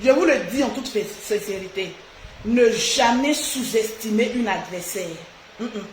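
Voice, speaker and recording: A woman's voice: on the high side, unhurried. A woman hosting a casual live stream, talking outspokenly and animatedly straight to her viewers. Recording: echoey room with faint noise.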